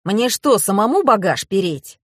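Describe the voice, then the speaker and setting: A woman's voice: mid-range voice, very animated, normal speed, breathy edge, dry recording, studio quality. A woman reading an audiobook, voicing a spoiled young man with a lazy, whiny drawl. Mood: sulky.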